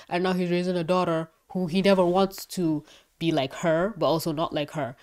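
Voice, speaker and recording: A young adult woman with a fairly low voice reviews a cartoon episode in casual commentary. She gushes excitedly and swears freely, and she sounds congested and nasal.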